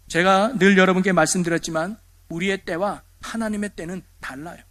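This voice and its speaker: High-voiced Korean pastor preaching. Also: male voice. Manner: animated storytelling, rhetorical questions to the congregation. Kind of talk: sermon.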